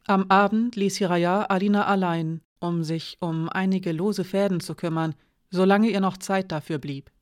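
An audiobook narrator reads a fantasy novel in a measured, steady way. The voice is mid-pitched and even. The recording is close and dry. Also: no echo.

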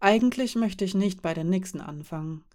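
Woman reading as a calm, friendly half-elf man. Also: mid-range voice, fairly quick, close to an everyday voice. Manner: calm, explaining, quietly amused.

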